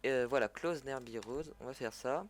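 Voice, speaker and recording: A French-speaking gaming tutorial creator talks at a normal speed in a mid-range voice. His tutorial is loose and conversational, with frequent self-corrections and fillers.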